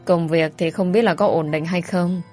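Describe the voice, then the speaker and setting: A woman's voice: on the low side, steady tone, normal speed, darkish tone, faint music behind, natural voice. A woman voicing a bold young woman who talks bluntly and playfully. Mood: pleading. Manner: blunt, teasing.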